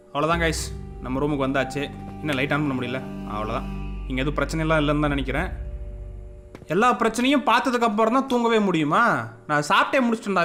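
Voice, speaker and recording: A man with a notably high voice commentates his horror game run, jumpy and quick to yell back at whatever spooks him. He talks straight to the ghosts, pleading and scolding them. Clear game music runs underneath the whole time. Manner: jumpy and panicky, scolding the game's ghosts aloud. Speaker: gaming channel host. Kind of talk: let's-play gaming commentary. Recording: game music playing behind the voice.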